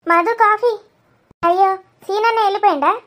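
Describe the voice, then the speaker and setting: A woman's voice: very high-pitched, normal speed, fairly bright tone. A woman with a Telangana accent performing a chatty, scolding village family comedy skit. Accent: Telangana Telugu.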